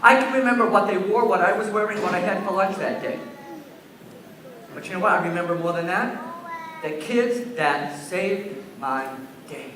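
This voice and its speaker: Bright high man, echoey gym from afar. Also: moderate pace, far from the mic, noisy background. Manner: asks the children questions and takes answers. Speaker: children's school assembly presenter. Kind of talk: interactive storytelling to young children. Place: large school gym. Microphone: far-off camera.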